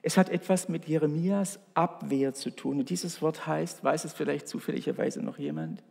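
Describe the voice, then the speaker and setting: Husky-voiced preacher in a reverberant hall. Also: male voice, a little high, moderate pace, mellow. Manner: earnest, storytelling, addresses congregation directly. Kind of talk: sermon.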